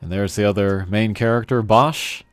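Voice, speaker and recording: Over faint game music, a man comments casually while playing a video game, rambling and opinionated in a relaxed way. His voice is fairly low, steady in tone, and moderately paced.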